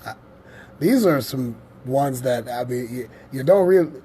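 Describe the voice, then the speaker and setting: Male host, mid-pitched, loose rambling bible talk with emphatic repeats. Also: expressive, a little slow, mellow, a little hiss or hum. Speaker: host of a scripture teaching show. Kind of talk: casual bible teaching.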